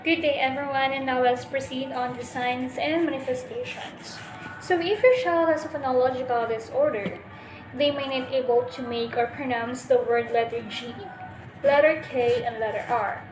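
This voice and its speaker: A high-voiced woman gives a class presentation as a student presenter. She explains step by step, pausing often and restarting her sentences. The recording has a roomy echo. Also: steady tone, noisy background. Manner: explanatory, with many hesitations and restarts.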